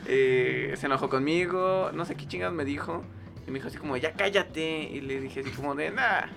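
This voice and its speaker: A man's voice: mid-range voice, a little fast, vocal fry, music in the background. A young man with a Mexican Spanish accent, telling a rambling anecdote full of quoted dialogue in a casual chat with friends.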